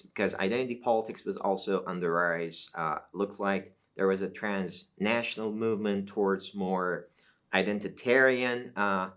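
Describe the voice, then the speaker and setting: Low and a bit bright, the voice belongs to a middle-aged Iranian man with Azeri Turkish as his first language. As a professor guest in an academic interview, he speaks measuredly and explains at length, using fillers often.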